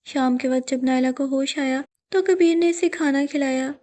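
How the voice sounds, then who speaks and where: A woman storyteller narrating a scripted horror story in a steady storytelling manner. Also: high voice.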